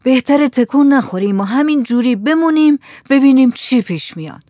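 A woman voicing a calm village man who reassures the others. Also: high voice, no echo, studio quality, voice pushed up. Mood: reassuring. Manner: soothing, reassuring.

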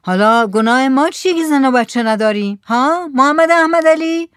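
Lady doing a whiny childless village man in a story, raised pitch. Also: lively intonation, a bit bright, smooth, dry recording, clean studio sound. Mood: complaining.

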